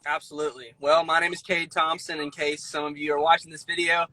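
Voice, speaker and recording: Here the same kind of guest, a young Midwestern singer-songwriter, talks fast in an upbeat, enthusiastic casual interview over a live video call. His slightly high voice has a flat delivery and a sharp tone, and the audio quality is poor.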